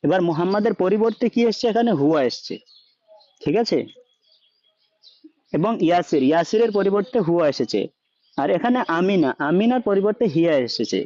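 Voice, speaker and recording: A man's voice: sits high, expressive, brisk, pauses often, warm tone, no room sound. A man teaching a language class, asking students questions and often checking that they follow, mixing English words into his speech. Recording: dull lo-fi sound.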